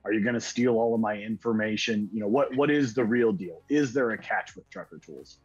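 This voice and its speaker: Low husky man hosting a video call. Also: a little fast, lo-fi sound. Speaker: host. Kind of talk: scripted company video interview.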